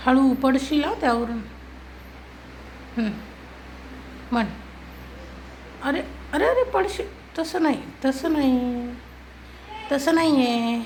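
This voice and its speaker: Woman, high voice, slow and patient, gently coaxing parent at home, phone-recorded. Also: expressive, a little hiss or hum, rough recording. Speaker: parent filming a toddler. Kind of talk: coaxing a small child on camera. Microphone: phone camera.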